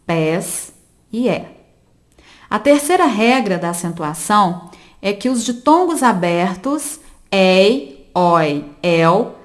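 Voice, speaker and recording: Woman, audiobook lesson reader, unhurried delivery, careful word-by-word examples, mid-range voice. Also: mid-range voice. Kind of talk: read-aloud grammar lesson.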